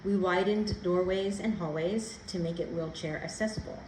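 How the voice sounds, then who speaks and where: A woman's voice: fairly low pitch, moderate pace, darkish tone. A woman explaining things on location as a staff tour guide. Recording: echoey room, faint noise.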